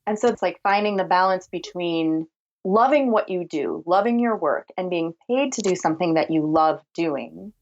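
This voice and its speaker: A woman's voice: fairly low pitch, moderate pace. Woman, soothing voice, reflective, rambling with "like", podcast guest, slightly muffled lo-fi sound. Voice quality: soothing, relaxed voice. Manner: reflective, speaks in long winding thoughts with frequent "like". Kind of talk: casual conversational interview.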